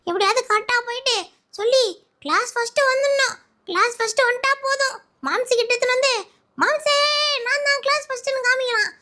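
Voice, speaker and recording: A performer voicing a mischievous little schoolboy who whines and pleads, often close to tears, in a squeaky high voice. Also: fairly quick. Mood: eager. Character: mischievous little schoolboy Shinchan, fretful about exams. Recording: loud background noise.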